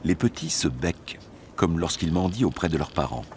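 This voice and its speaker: A man's voice: sits low, sing-song, moderate pace, darkish tone, a little hiss or hum. A man reading scripted narration as the narrator of a nature documentary.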